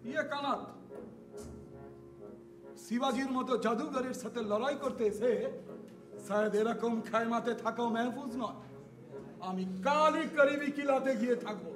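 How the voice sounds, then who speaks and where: Man acting a high-pitched, declamatory Mughal commander. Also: moderate pace, pauses often. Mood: proud, brooding. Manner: declamatory, exclaiming, mixing Hindi-Urdu into Bengali. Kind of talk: historical stage play acting. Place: theatre stage. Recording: echoey stage hall, faint music.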